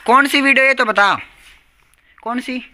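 A man's voice: very high voice, unhurried, sharp tone. A young man, chatting casually on a family vlog and coaxingly pleading and apologizing over and over. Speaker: vlogger.

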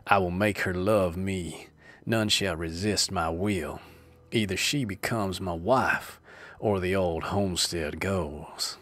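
A man's voice: low-pitched, unhurried, no echo. A man voicing a sinister, scheming squire who speaks sternly with a sneer. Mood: menacing.

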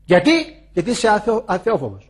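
Husky older man preaching. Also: high-pitched, sing-song. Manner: preaching with rhetorical questions and emphatic repetition. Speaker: monastic elder. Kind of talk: sermon.

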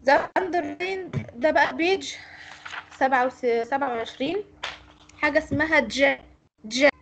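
A woman's voice: high-pitched, measured pace, creaky, dull audio, background noise. An Egyptian woman teaching English pronunciation in an online lecture, explaining and correcting students. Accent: Egyptian Arabic.

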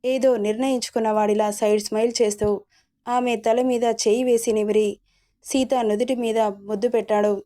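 Mellow, even-voiced woman storyteller. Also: on the high side, a little fast. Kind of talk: reading a serialized story.

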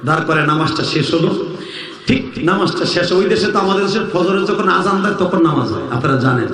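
A man's voice: high-pitched, brisk, a bit bright. A man from Bangladesh preaching an emotional, sing-song sermon to an outdoor crowd. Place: outdoor religious gathering. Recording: echoey open-air PA sound.

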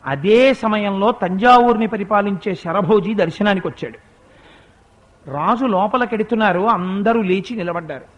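A man's voice: high voice, normal speed. A man giving a devotional storytelling sermon, talking straight to his listeners and acting out the people in his story. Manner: animated storytelling, acts out quoted characters, addresses listeners directly. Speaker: spiritual discourse speaker.

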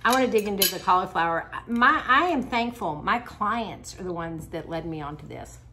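A woman's voice: mid-range voice, expressive, normal speed, pushed and bright, slight background noise. A middle-aged woman, chatting casually as a cooking vlog host, laughing and searching for words. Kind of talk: casual chat.

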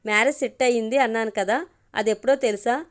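A fretful young groom pleads with his closest friend in a storybook reading, as a woman reads his lines. The voice sits a little high and stays close to the reader's own. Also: fast talker, close to an everyday voice. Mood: anxious.

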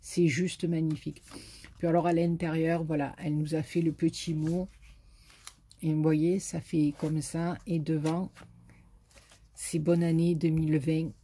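A woman with a southern French accent chats casually to camera as she shows the greeting cards she received. Her voice is mellow and a little breathy, and she is effusive, piling on fillers as she goes. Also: low voice, flat delivery, measured pace. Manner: chatty and effusive, with many fillers. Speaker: YouTuber showing greeting cards.

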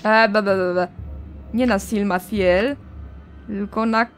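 A woman's voice: mid-range voice, fairly even intonation, slow pace, faint music behind. Chatty woman narrating a game playthrough. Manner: chatty, musing, self-correcting. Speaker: let's play host. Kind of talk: casual game commentary.

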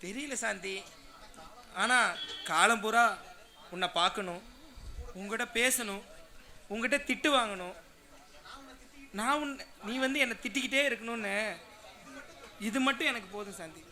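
A gentle, bewildered young teacher. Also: male voice, high-pitched, normal speed, long pauses, full character voice. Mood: bashful. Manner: coaxing, earnest, concerned. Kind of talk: film drama dialogue. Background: loud film music.

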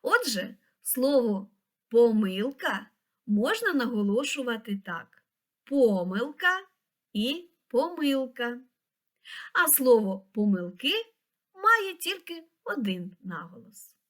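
A woman reading a scripted lesson for young children, pronouncing each word slowly and clearly. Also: fairly high pitch, very animated, fairly bright tone. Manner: slow, clear, pronouncing words syllable by syllable. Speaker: teacher.

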